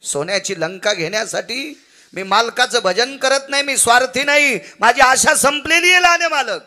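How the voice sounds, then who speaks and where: Man doing angad, loyal sad monkey prince, earnest pleading, high bright voice. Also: normal speed, heavily acted. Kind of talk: devotional kirtan storytelling.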